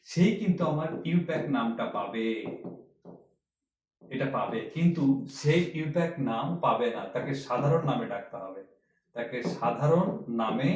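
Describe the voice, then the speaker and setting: A man's voice: on the high side, a little mellow, echoey room. A man teaching chemistry who explains each step, repeats key points and asks the class rhetorical questions. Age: older. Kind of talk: classroom lecture.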